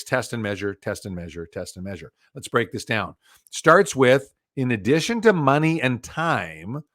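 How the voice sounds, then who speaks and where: A middle-aged man giving a live virtual business talk over a video call, telling stories with lively acted-out quotes. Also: mid-range voice, dry recording, clean studio sound. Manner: animated storytelling, acts out quoted voices. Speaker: business speaker.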